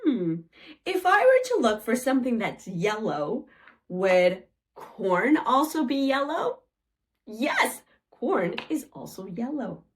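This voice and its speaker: A woman's voice: on the high side, very animated, slow. A woman presenting a lesson as if reading to a toddler, playful and exclaiming, asking simple questions and stretching out key words. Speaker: children's presenter.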